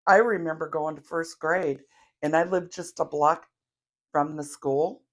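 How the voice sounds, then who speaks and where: A middle-aged woman leading a grounding meditation in a slow, chatty way, with self-deprecating asides and the odd cough. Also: low-pitched, steady tone. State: coughing now and then. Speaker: tarot reader leading a guided meditation.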